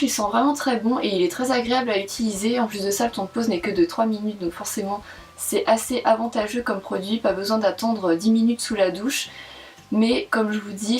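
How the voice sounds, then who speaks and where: A woman's voice: fairly high pitch, a little mellow, recorded from a distance. A young woman chatting candidly through a beauty box review in a casual vlog. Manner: chatty and candid, frequent "franchement" and "super".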